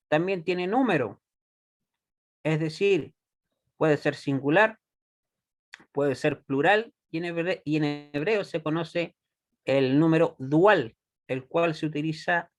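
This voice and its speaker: A man teaching a Hebrew class, patient and deliberate, often checking that students follow. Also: fairly high pitch. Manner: patient, checks understanding with frequent "¿ya?"; slow and deliberate, repeats words for students. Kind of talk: classroom lesson.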